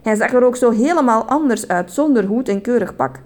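A woman reading a children's story aloud in an animated, sing-song way. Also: a little high, brisk.

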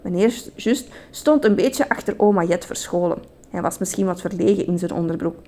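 A woman reading a children's story aloud in an animated, sing-song way. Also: lowish voice, a little fast.

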